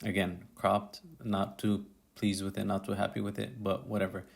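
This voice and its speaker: A man's voice: fairly low pitch, little pitch movement, moderate pace, vocal fry. A male photographer narrating his tutorial video as a voice-over, in a casual, slangy way that sounds like thinking aloud. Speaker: photographer and YouTuber.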